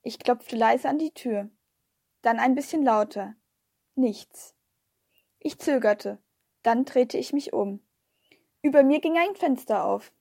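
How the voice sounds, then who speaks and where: A woman reads a children's story aloud in a lively first-person storytelling manner. Her voice sits high. The recording is dry, with no room sound. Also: slow, vocal fry, pauses often, slightly rough, no echo. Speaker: audiobook reader. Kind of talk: scripted narration of a children's story.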